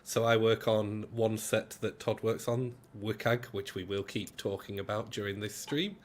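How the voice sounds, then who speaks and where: A man's voice: fairly low pitch, fairly even intonation, a little slow, a little hiss or hum. A man, a head of accessibility, introducing himself as a stream guest in a joking, teasing way. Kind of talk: casual chat on a live stream.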